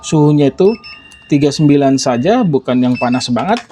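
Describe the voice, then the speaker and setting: A man's voice: mid-range voice, lively intonation, fairly quick, dark tone, slight background noise. A man giving casual, informal gameplay commentary as a gaming phone reviewer, often tagging his statements with a small confirming word.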